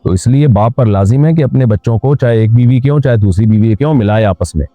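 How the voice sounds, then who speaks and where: A man's voice: mid-range voice, fast talker, dark tone, no room sound. A man, an Islamic scholar, answering questions and giving direct, plain-spoken religious advice. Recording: tinny phone-like sound with faint music.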